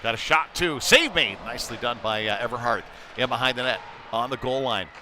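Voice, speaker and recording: Commentating live ice hockey, this man delivers the play in brief, clipped bursts, animated and fairly quick in a medium-pitched, mid-range voice. The noisy ambience of the rink runs behind him the whole time.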